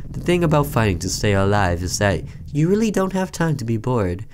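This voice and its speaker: A man with a mid-range voice and wide pitch swings talks fairly quickly over background noise. He's a gaming video host doing a casual let's-play, reading the game's narration aloud and reacting informally along the way.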